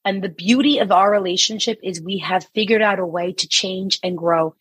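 A woman in her forties with a New York accent, co-hosting a laid-back podcast. Her voice is bright and a little husky, and it sounds dry and close. She talks in an animated, teasing way and laughs often. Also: mid-range voice, moderate pace, no echo, rough recording. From Queens, New York. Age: 40s. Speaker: podcast co-host. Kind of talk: casual chat.

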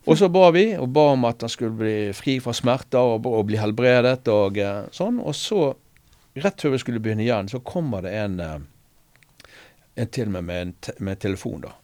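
A man's voice: mid-range voice, expressive, darkish tone, dry recording. A man telling a personal faith story in casual conversation, earnest, hesitant and full of fillers and restarts. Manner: earnest, preacher-like retelling. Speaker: interview guest sharing a testimony.

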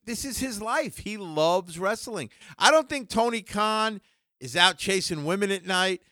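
A man's voice: high-pitched, moderate pace, pushed and bright, no room sound, clean studio sound. A man in his sixties co-hosting a wrestling podcast, blunt and jokey in casual chat. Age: 60s. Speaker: podcast co-host.

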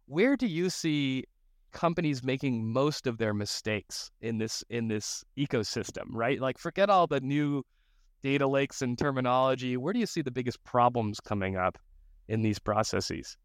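A man's voice: medium pitch, animated, moderate pace, dry recording, clean studio sound. A man hosting a podcast, talking in a loose, rambling way with many fillers as he builds his thoughts aloud. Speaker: podcast host. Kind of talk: casual podcast conversation.

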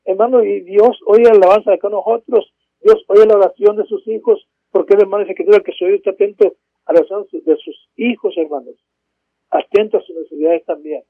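A man's voice: high-pitched, steady tone, fairly quick, no room sound. A man preaching a sermon from home, fervent, calling out to his brothers and crying praise between verses. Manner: fervent, repeats "hermanos" and bursts of "gloria a Dios, aleluya". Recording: dull, dry lo-fi recording.

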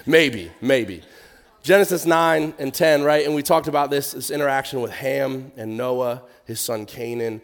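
A man's voice: medium pitch, creaky. A man preaching a conversational sermon in a nasal, crackly voice, informal and emphatic, repeating key words and reading scripture.

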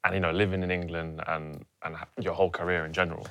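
Young guy hosting, low but bright tone, chill questions, dry close mic. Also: fast, no room sound. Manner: relaxed questioning, playful asides. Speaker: podcast host. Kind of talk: casual chat.

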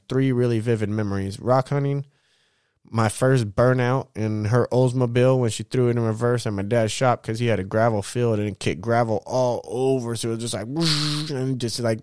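Brief: young Southern California man, relaxed street-slang storyteller, smooth voice, close and dry. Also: lowish voice, no echo. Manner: laid-back, slangy, profane, lots of shout-outs. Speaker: vlogger. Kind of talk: casual storytelling monologue.

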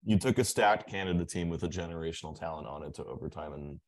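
A man's voice: sits low, quick pace. A man co-hosting a casual sports podcast, making his points emphatically and repeating words as he builds them. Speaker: podcast co-host.

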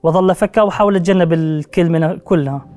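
Higher-voiced young man mispronouncing his r's, talking fast. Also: darkish tone. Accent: Levantine Arabic. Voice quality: speech impediment on the r sound, mispronouncing r. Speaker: guest. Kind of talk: personal account in studio interview.

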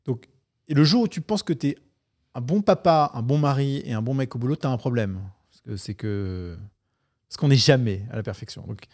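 A man's voice: medium pitch, lively intonation, normal speed, darkish tone. A middle-aged man, a guest in a casual interview, talking candidly and animatedly and swearing freely. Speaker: investor guest.

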